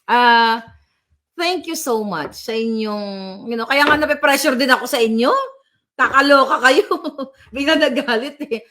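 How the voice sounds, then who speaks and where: A woman's voice: on the high side, a little slow, pushed and bright. A middle-aged woman vlogging live to her viewers, speaking in fiery bursts that mix Tagalog and English and reading out viewer comments. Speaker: political vlogger. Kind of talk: live-stream chat with viewers. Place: abroad, at home.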